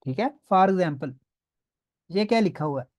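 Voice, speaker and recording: A man's voice: sits high, expressive, measured pace, dull audio. A man teaching a beginners' online class, patiently drilling sounds and often checking that students follow. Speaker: language teacher.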